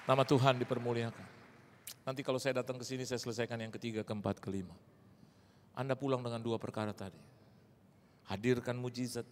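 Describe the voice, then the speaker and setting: A male pastor from Indonesia preaching a storytelling sermon, animated, with casual slang and shouted exclamations. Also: medium pitch, a little fast, pauses often, a little hiss or hum. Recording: long reverb of a large hall.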